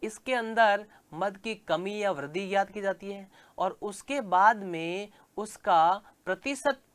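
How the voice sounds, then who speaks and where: A male commerce teacher, lecturing and slowly repeating key terms, asking the class questions and answering them himself. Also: high voice, fairly bright tone, clear, resonant tone.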